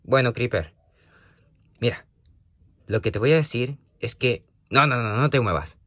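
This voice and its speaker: A man's voice: mid-range voice, expressive, a little slow, sharp tone, no room sound, studio quality. A man vlogging casually, rambling hesitantly with many fillers and restarts as he talks to a toy companion. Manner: hesitant, full of fillers and restarts, scolding then apologetic. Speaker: vlogger talking to a toy creeper.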